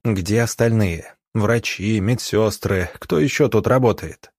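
Man reading tired young doctor, storybook figure, curt orders, low voice, dry close sound. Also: a little slow, a little mellow, dry recording.

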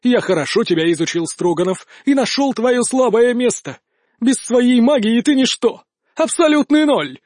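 A man voicing an arrogant, cowardly noble duelist in an audiobook, shouting, bragging and begging by turns. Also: very high-pitched, expressive, moderate pace, dry recording, studio quality, pitched above the performer's own voice. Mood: boastful. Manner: shouting, boastful then pleading. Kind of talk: audiobook character voice.

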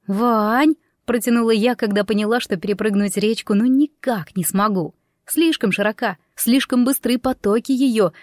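A woman's voice: fairly high pitch, no echo, studio quality. Woman narrating a folk tale. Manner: expressive folk-tale reading with voiced character lines. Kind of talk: storytelling audiobook narration.

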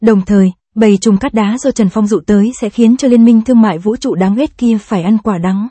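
A woman giving steady, scripted narration of a fantasy audiobook. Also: medium pitch, brisk, breathy edge, no room sound.

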